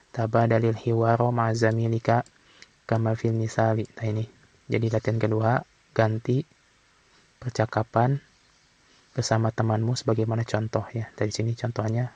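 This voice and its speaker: A man teaching from an Arabic textbook in a casual way, reading phrases slowly and then explaining them quickly. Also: medium pitch, a little mellow, no room sound. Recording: dull, slightly lo-fi sound.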